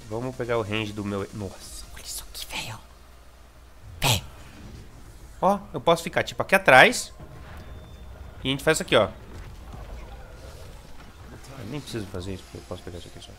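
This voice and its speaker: A young Brazilian man with a Brazilian Portuguese accent commenting on his gameplay casually, excitable and repeating words, with sudden shouts. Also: mid-range voice. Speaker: gameplay streamer.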